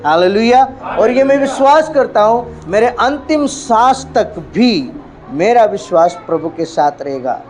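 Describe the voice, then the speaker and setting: A male pastor from India preaching a sermon emphatically, with frequent hallelujahs and swings between loud and hushed delivery. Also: high-pitched, lively intonation, a little slow.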